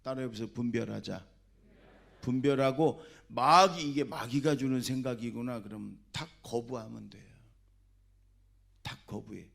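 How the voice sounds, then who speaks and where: A man's voice: medium pitch, unhurried, creaky, a bit bright. A man preaching a Sunday sermon as senior pastor, exhorting his congregation with sudden emphatic bursts. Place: church sanctuary.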